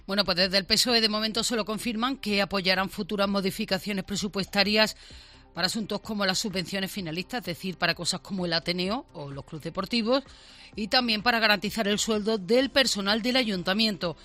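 Bright-voiced woman reading radio news. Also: mid-range voice. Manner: brisk, conversational news delivery. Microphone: studio microphone.

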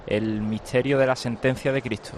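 A man co-commentates on a live broadcast and patiently explains the background to what is happening. Clear noise from outdoors sits under his voice. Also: mid-range voice, steady tone, moderate pace. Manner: explanatory, adds background detail. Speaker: studio co-commentator.

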